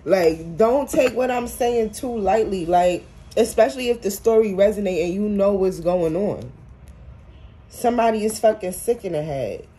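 A young woman reads tarot in a casual, blunt, profane way, dropping street slang as she goes. Her voice sits at an ordinary pitch with a mellow, darker tone. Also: animated, moderate pace. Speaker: tarot reader.

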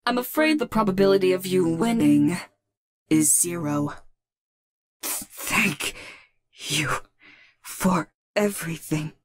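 A woman's voice: fairly low pitch, expressive, slow pace, pauses often. A woman voicing an intense, calculating artificial professor in a dramatic video game style, formal and theatrical. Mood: weak, tender. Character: intense artificial female professor, calculating, proud, ultimately tender.

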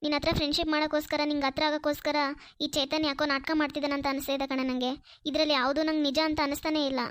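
A woman voicing a doubtful, outspoken young female friend in a cartoon, talking quickly and suspiciously. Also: high-pitched, level tone, a bit bright, dry recording. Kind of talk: Kannada cartoon voice acting.

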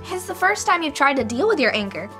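A teenage girl delivers scripted kids' show lines in a gentle, encouraging tone. Her voice is high, with faint music underneath. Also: sing-song, fast talker. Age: teens. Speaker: child actor presenter. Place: studio set indoors.

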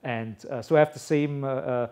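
A man's voice: medium pitch, steady tone, normal speed, warm tone. Man, middle-aged, film director, festival Q&A, rambling, lots of fillers. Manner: rambling, many fillers and restarts. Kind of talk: casual Q&A answers. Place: festival hall before an audience.

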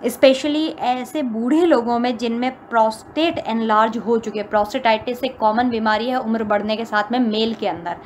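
A woman lecturer teaching pharmacology, reading English lines slowly and then explaining them again in her own words. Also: fairly high pitch, darkish tone. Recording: faint background noise.

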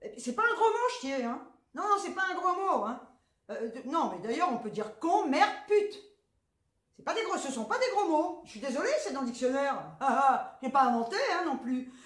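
A woman with a high, expressive voice and a southern French accent talks at normal speed through a grocery haul for her vlog. She keeps it casual, frank and cheeky, swearing freely, in a room that echoes.

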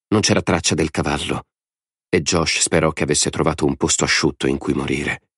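A man narrating an audiobook in a dramatic, expressive storytelling style. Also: sits low, no echo, studio quality.

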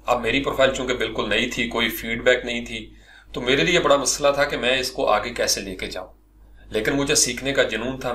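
A middle-aged man from Pakistan recounts how he began freelancing, in a lively storytelling voice of ordinary pitch. He talks straight to his viewers and warmly calls them "sir" as he goes. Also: slight background noise. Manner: animated storyteller, addresses listeners as "jinab". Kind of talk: personal storytelling monologue.

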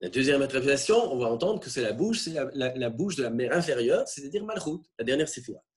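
A male lecturer works through a religious text for a class. He speaks in a middling voice, explains step by step, and pauses and restarts as he goes. He often adds small tag questions to check that his listeners follow. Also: medium pitch, expressive. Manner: explanatory, halting, frequent "hein" tags.

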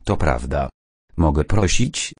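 An older, wry boss who mutters his lines in a low, husky voice, as a male narrator reads him. His speech stays dry and unhurried, with a rough edge and a lively, rising and falling tone. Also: dry recording, exaggerated voice. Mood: calm. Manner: mutters dryly.

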